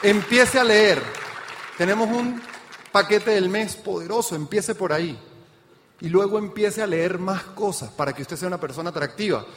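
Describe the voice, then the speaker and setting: Energetic high-voiced man in an echoing hall. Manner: energetic, addresses the audience directly with rhetorical questions. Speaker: business speaker. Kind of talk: motivational seminar talk. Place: event hall with an audience. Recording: reverberant hall sound.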